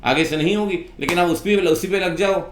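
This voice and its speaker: An accountancy teacher and video host launches into an impassioned, informal rant, exasperated and reproachful and packed with rhetorical questions. His voice is high-pitched and a little fast, in an echoey room with slight background noise.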